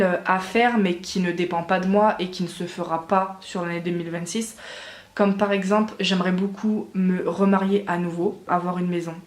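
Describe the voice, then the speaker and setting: A woman in her twenties answering viewer questions in a casual vlog, chatty and hesitant with many fillers. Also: mid-range voice. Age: 20s. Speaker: doll collector vlogger. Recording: echoey room.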